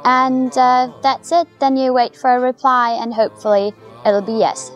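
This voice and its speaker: A German-born woman in her twenties, a student, explaining things calmly in a documentary interview, English not her first language. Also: high-pitched, normal speed, faint music behind. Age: 20s. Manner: calm, explanatory, with fillers.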